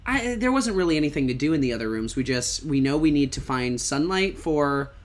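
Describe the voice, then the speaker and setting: A woman's voice: low voice, brisk. A woman playing a game and chatting casually and playfully with a co-player. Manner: playful, animated. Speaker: game streamer. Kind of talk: casual gameplay chat with a co-player.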